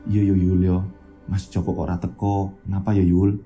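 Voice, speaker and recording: Guy doing sad old mom, low tired voice. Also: monotone, normal speed, mellow, faint music behind, natural voice. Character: weary grieving old mother.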